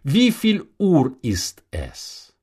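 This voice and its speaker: A courteous young traveler asks the same question again and again, puzzled and insistent, as a man acts him out. His voice sits noticeably higher and swings widely. He speaks slowly and carefully. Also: huge pitch swings, a little mellow, husky, exaggerated voice.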